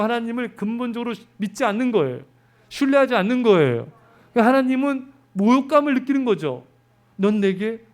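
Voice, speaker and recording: Inside a church sanctuary, a pastor preaches a sermon, talking with his congregation and putting questions to them. His voice is very high and slightly mellow.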